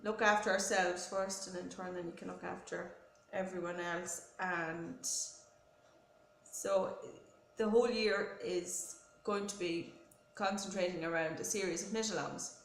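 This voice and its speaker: Hosting a knitting podcast while nursing a head cold, this woman chats in a friendly, rambling show-and-tell style full of ums and self-corrections. Her voice sits fairly low, creaky and steady in tone, at a measured pace. The room gives a roomy echo with faint noise.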